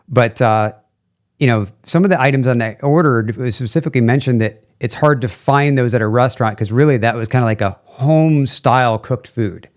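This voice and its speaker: A man with a mid-range, brisk voice hosts a podcast. He asks his questions in a friendly, rambling manner packed with fillers, typical of a casual podcast interview.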